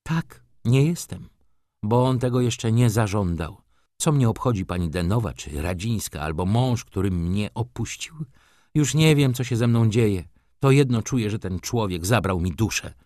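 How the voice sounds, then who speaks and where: A man voicing a gentle young woman in an audiobook, speaking in an impassioned, hard tone. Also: lowish voice, lively intonation, normal speed, no echo, studio quality, natural voice.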